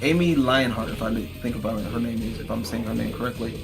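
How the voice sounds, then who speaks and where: A man's voice: mid-range voice, steady tone, quick pace, gravelly, over music. A man from Texas with an American accent, chatting casually in a hesitant, repetitive way. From Texas, United States. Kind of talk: casual chat.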